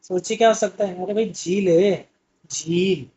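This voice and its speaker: A man's voice: sits high, unhurried, warm tone. A man teaching an Urdu exam-prep lesson, explaining patiently and asking questions that he answers himself. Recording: muffled lo-fi audio.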